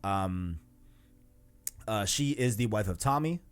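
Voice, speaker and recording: With a clean, lowish voice and lively intonation, this man hosts a relaxed video game podcast at a slow pace. He's excitable and slangy, repeats himself for emphasis, and there's music in the background.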